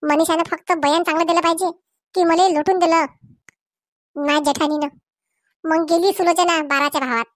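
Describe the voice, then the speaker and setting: High-pitched woman in rustic comic skit. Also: steady tone, moderate pace, pauses often. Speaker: comedy sketch performer. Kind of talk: comic village skit acting.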